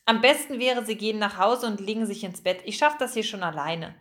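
A woman's voice: medium pitch, animated, brisk, a bit bright, natural voice. A woman voicing a stern, firm old woman who owns a shop. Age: older.

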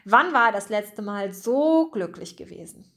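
A woman narrating a children's storybook chapter in a clear, even reading voice. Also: mid-range voice, measured pace. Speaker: audiobook narrator.

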